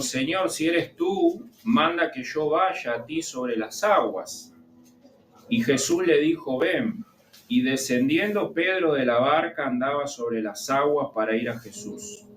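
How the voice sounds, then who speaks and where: Slow preacher in echoey church. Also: male voice, mid-range voice. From Argentina. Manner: slow, deliberate preaching with pauses and asides. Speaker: pastor. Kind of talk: sermon. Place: church hall. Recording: echoey church hall with music behind. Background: music.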